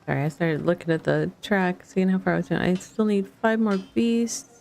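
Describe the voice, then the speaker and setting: Over background music, a woman streamer plays an online fantasy game and muses to herself in brief fragments of casual gameplay chat. Her voice sits on the low side, creaky and darkish, at a moderate pace.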